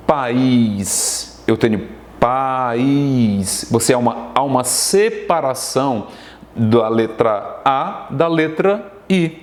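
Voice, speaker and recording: A male teacher with a Brazilian Portuguese accent walks viewers through spelling rules on a televised lesson. His voice sits at a middle pitch and carries a noticeable room echo. He keeps tossing quick check-ins at the class as he explains. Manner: explanatory, asks frequent check-ins to students. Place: studio classroom.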